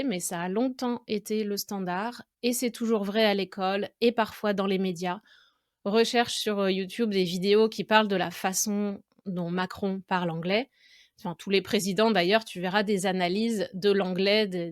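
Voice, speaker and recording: A woman from France with a French accent, at a middle pitch, hosting a conversational language-lesson podcast. She muses her way through ideas, pausing often to find her words. The sound is dry and close, with no room around it. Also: no room sound. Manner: thoughtful, musing, pauses often with "heu". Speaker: podcast host and language teacher.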